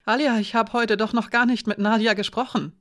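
A woman reading a cheerful, eager teenage boy scribe in an audiobook, in a higher, lively voice. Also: fairly quick, natural voice.

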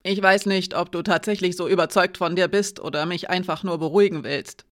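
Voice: mid-range voice, fairly even intonation, a little fast, lightly acted. A reader voicing Alina, a shaken young woman warrior. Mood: resigned. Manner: urgent, then quiet and defeated. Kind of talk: audiobook character reading.

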